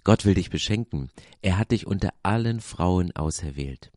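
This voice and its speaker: A man reading the lines of a solemn male angel in a Bible story, in a measured, steady way. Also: deep voice, no echo, studio quality.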